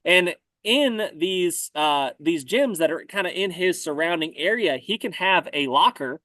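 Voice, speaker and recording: A man talking casually about survival gear, relaxed and often repeating words as he thinks. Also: high-pitched, a little slow, no room sound. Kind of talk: casual conversation.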